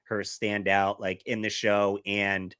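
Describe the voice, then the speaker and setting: A man's voice: lowish voice, little pitch movement, slow, a bit bright, clean tone. A man co-hosting a casual podcast, rambling and laughing as he loses his train of thought. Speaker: podcast co-host. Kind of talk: casual chat.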